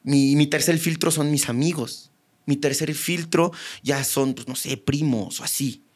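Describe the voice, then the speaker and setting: A young Mexican man with a Mexican accent, a comedian guest chatting casually on a podcast, telling animated, slangy stories. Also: a little high, a little slow. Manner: animated storyteller, slangy, acts out voices.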